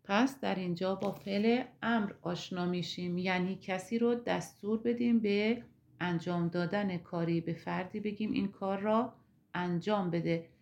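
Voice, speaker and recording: A woman with a Persian accent, teaching an Arabic grammar lesson slowly and step by step. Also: medium pitch, steady tone, creaky, darkish tone, lo-fi sound. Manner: slow, deliberate, explaining step by step.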